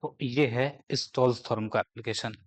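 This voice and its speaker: A man teaching a maths lecture, explaining step by step and asking and answering his own questions. He slows right down whenever he dictates a formula. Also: mid-range voice, steady tone.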